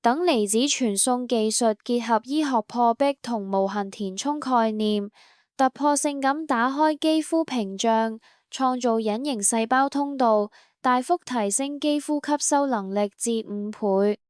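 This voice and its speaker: A woman reading a scripted instructional voice-over for a beauty salon, in an even, promotional step-by-step manner. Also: on the high side, a little slow, smooth, dry recording, studio quality.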